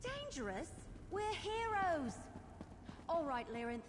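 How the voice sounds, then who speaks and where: Perky, high-voiced young wood elf. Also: female voice, big pitch swings, takes it slowly, in a large hall, a little hiss or hum, exaggerated voice. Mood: cocky, eager. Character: plucky, excitable young wood elf archer woman. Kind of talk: video game character acting.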